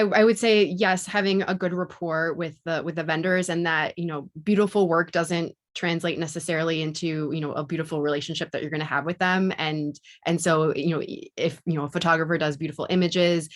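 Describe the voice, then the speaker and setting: A woman event planner speaking on a panel over a video call, halting and full of "you know"s. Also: low voice. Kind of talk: panel discussion.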